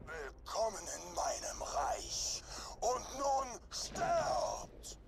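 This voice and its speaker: A man's voice: high voice, huge pitch swings, very slow, vocal fry, exaggerated voice. A man voicing a menacing dwarf boss in a fantasy video game, with spooky, whispery haunted-house menace. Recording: loud game music underneath.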